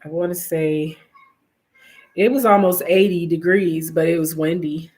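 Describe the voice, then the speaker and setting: Her voice is fairly low and darkish, her tone steady and her pace unhurried as she chats casually on her livestream. She's nasal and sniffly from allergies, reads viewer names aloud, and lets fillers trail at the ends of thoughts.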